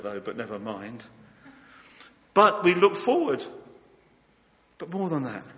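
A man preaching a sermon at a pulpit microphone in a church. He talks earnestly and drops to a hush on key words. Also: a little high. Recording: long church hall reverb.

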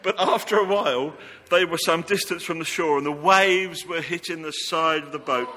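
In a church with long reverb and faint background noise, a man preaches an all-age sermon, telling the story playfully while joking and coaxing volunteers to act it out. His voice sits on the high side, bright and forceful, at a normal speed.

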